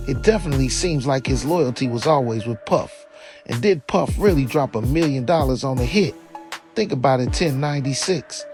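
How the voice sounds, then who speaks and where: A man with a mid-range, darkish voice narrates a video with scripted true-crime commentary, opinionated and slangy, with some profanity. It's a voice-over with faint music in the background.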